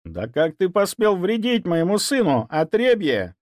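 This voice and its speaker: A man's voice: high voice, sing-song, moderate pace, dry recording, studio quality, voice pushed up. A man voicing a middle-aged aristocratic countess who speaks with furious, imperious contempt. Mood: enraged.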